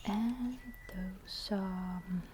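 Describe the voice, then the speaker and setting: A woman's voice: medium pitch, very slow, noisy background. A woman whispering through an ASMR show-and-tell of a camera, hesitant and often searching for the right word. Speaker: ASMR host.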